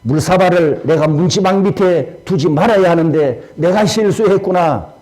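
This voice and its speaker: A male pastor voicing a middle-aged father who speaks in a measured, admonishing way. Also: high-pitched, a little mellow, natural voice, rough recording. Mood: gentle.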